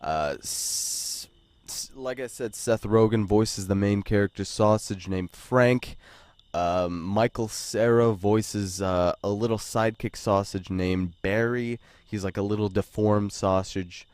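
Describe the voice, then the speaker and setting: A man's voice: on the low side, slow, a little mellow, clear, resonant tone, no room sound. A man giving a casual, rambling movie review, with plenty of swearing and "like" and "you know".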